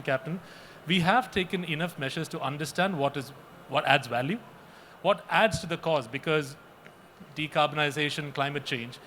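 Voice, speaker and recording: Earnest man, halting panel remarks. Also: fairly high pitch, pushed and bright, slight background noise. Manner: earnest, repeats himself often, halting restarts.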